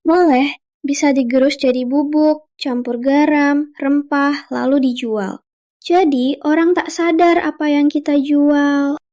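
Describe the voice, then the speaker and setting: A woman's voice: sits high, fairly even intonation, takes it slowly, darkish tone. A woman voicing a clever, wary young son in a dubbed short drama. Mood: explaining.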